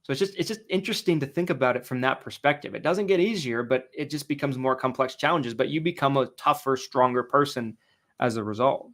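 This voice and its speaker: A man co-hosting a casual chat, speaking in a rambling way with many pauses and fillers. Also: mid-range voice, a bit bright.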